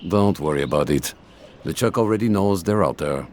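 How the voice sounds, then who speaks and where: A man voicing a laconic, unbothered pirate lookout in a video game with deadpan delivery. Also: deep voice, a little fast, a little hiss or hum.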